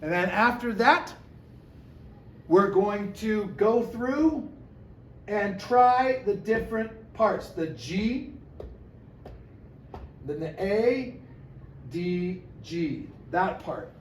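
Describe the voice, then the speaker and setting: Male music teacher, high voice, recorded lesson for kids, chants rhythms, encouraging, reverberant room with faint hum behind. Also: lively intonation, extremely slow, long pauses. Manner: chants rhythm syllables to demonstrate; encouraging, speaks to children. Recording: echoey room with faint ambience.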